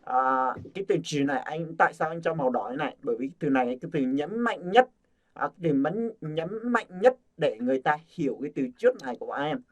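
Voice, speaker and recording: A man's voice: on the high side, animated, fast talker. A man teaching English pronunciation to a group, coaxing and repeating sounds over and over. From Vietnam. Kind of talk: casual group lesson. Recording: dull lo-fi sound.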